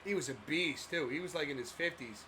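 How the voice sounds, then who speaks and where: A man with a slightly high, bright voice and a forceful tone speaks fairly quickly while co-hosting a live sports stream, with slight background noise. He chats casually, reading out viewer messages and rambling loosely with many fillers and restarts.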